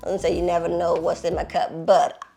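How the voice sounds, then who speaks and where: A woman hosting an interview in casual chat, animated and playful, laughing often. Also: fairly low pitch, fairly quick, creaky, faint music behind. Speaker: host.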